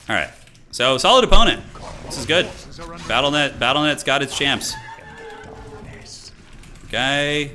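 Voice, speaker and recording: A man's voice: medium pitch, pushed and bright, a little hiss or hum. A man giving casual, slangy live commentary on his own game, talking through his moves with some mild swearing. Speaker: gaming streamer commentating own match.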